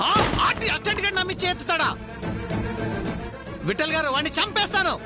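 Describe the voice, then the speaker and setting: An arrogant ad director hurls threats in a very high, fast voice. A clear music underscore runs beneath him. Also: male voice. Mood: furious. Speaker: ad film director. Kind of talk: TV serial acting.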